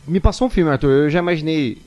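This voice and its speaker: A man's voice: fairly high pitch, fast, soft background music. A young man, a singer telling a personal story casually and animatedly, acting out what people said. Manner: animated, quotes people in excited voices.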